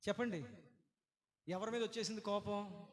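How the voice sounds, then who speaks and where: A man preaching a sermon, animated, acting out quoted voices and putting questions to the congregation. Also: sits high, normal speed. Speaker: pastor. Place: church hall. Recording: reverberant church hall.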